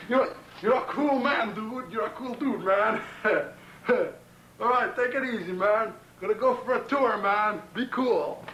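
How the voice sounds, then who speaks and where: High-pitched and sharp, yet unhurried, a Brooklyn native rambles profanely into his tripod camcorder for a pen pal, sitting in his apartment bedroom. Boasts and threats pour out between stuttered restarts, with "man" in nearly every line. It's a 1990 tape with hiss and a roomy, distant sound.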